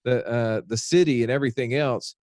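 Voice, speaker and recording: A man's voice: medium pitch, fairly quick, darkish tone, no echo, clean studio sound. A man hosting a podcast interview, recapping the guest's story and acting out what he thought. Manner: recaps the guest's story, acts out inner voices. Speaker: podcast host. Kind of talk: casual interview.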